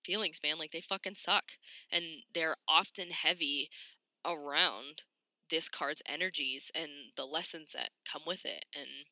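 Getting over a cold, this woman sounds congested, her low-pitched voice very bright and forward with a slight rasp. She talks at a measured pace like a podcast host doing a casual solo show, frank and informal, with slang and swearing throughout. No echo at all; the audio is dry and close.

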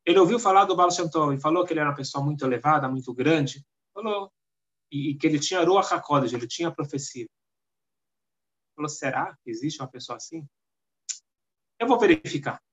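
Brazilian man, religious teacher, somewhat high-pitched, emphatic storyteller, muffled low-fi recording. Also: expressive, fairly bright tone. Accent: Brazilian Portuguese. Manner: emphatic storyteller, frequent restarts and pauses. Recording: dull lo-fi recording.

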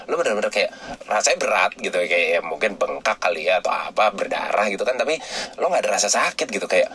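A man's voice: fairly low pitch, fast talker, breathy edge. A young man casually telling a long personal story in slangy chat, acting out what people said. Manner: animated, slangy, acts out quoted people.

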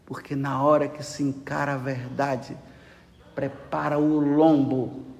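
A man with a Brazilian Portuguese accent preaching a sermon, animated, with rhetorical questions. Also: medium pitch, unhurried, gravelly, reverberant, big-room sound, muffled recording.

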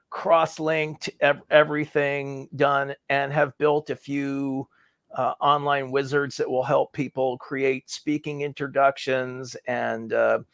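Gravelly man with dry humor. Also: medium pitch, no echo. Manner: quick, self-assured, dry humor. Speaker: guest, speaking coach. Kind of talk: conversational interview.

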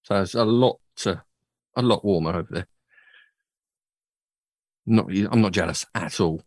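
A podcast host with a lowish voice talks a little slowly in a home studio, with no echo on the recording. He's chatty and rambling on his casual show, often joking at his own expense.

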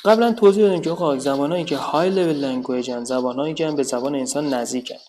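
A man's voice: on the high side, darkish tone, slight background noise. Rambling man teaching a programming class. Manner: rambling, restarts and repeats while explaining. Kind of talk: informal spoken tutorial.

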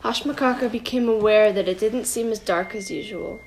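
A middle-aged woman reading a children's storybook aloud at home, gently and expressively. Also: mid-range voice, normal speed, a little hiss or hum. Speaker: storybook reader.

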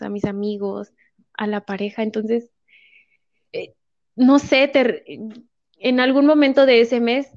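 Young Mexican woman, animated storyteller, quotes people in voices; slightly high, dry, muffled. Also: no room sound. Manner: lively storyteller acting out quotes. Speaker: guest. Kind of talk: casual interview chat. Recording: muffled lo-fi audio.

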